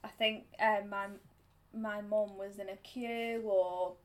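A woman's voice: medium pitch, steady tone, slow. A woman co-hosting a casual podcast, a supportive listener who talks with lots of fillers, in an amateur home recording. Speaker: podcast co-host. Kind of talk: casual chat about anxiety.

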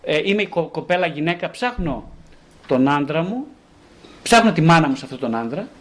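Speaking about relationships in a relaxed way, this male psychotherapist has a voice on the high side. His delivery is animated and full of rhetorical turns, and he performs the voices of anyone he quotes.

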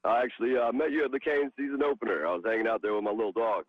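Man from russia, radio caller, has a cold, husky, muffled phone line. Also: mid-range voice, steady tone, very fast. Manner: casual, hesitant, many fillers. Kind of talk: radio call-in.

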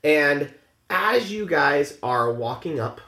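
A man narrating a tabletop game as game master, halting with many fillers. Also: fairly high pitch, expressive, sharp tone, reverberant. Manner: halting, lots of fillers and laughs.

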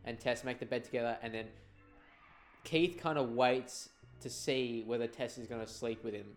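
A man on a podcast, calmly pointing out clever details in a film and steering the talk back on track. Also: medium pitch, moderate pace, faint music behind. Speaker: podcast co-host. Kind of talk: casual film discussion.

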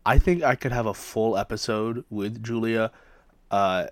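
A man's voice: on the low side, a little slow, no echo. A young man hosting his podcast, chatting casually from his trailer in a rambling, joking way with plenty of fillers. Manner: rambling, jokey, lots of fillers. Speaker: podcast host. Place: his trailer behind an amusement park.

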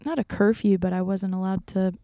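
A woman's voice: medium pitch, fairly quick, mellow, no room sound, clean studio sound. A woman in her early twenties, a podcast guest chatting casually and telling stories with frequent laughs. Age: 20s. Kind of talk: casual chat.

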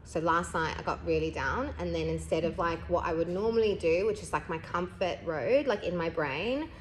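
A woman's voice: lowish voice, moderate pace, slight background noise. A young woman, chatting candidly as a podcast host, rambling with lots of fillers and laughing through heavy subjects. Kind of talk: casual candid chat.

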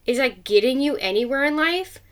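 A woman's voice: sits high, animated, a little fast, fairly bright tone. A woman hosting a podcast, delivering a blunt motivational monologue full of rhetorical questions. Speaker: podcast host.

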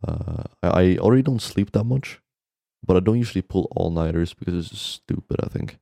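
A young man speaks in a very low, relaxed voice, dryly recorded. He co-hosts a podcast like a frat bro, telling stories casually with slang and constant swearing. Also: a little fast, vocal fry, no echo, clean studio sound. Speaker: podcast co-host. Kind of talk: casual chat, storytelling.

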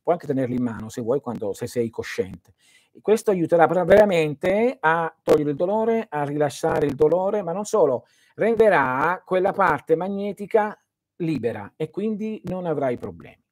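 A man's voice: fairly high pitch, lively intonation, normal speed, darkish tone, no echo, studio quality. A man hosting a live stream as a spiritual teacher, answering viewers' questions in an earnest, didactic way and speaking straight to his listeners.

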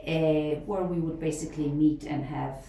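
This Polish-accented professor, a middle-aged woman from Poland, speaks at normal speed in a low, creaky, mellow voice with fairly even intonation. Her interview answers are thoughtful but full of fillers and restarts. A little hiss or hum, faint ambience and a roomy, slightly distant mic placement mark the recording.

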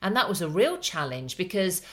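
A middle-aged woman, a family law solicitor hosting a podcast, explaining things in a calm, measured way. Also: fairly low pitch. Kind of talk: casual podcast chat.

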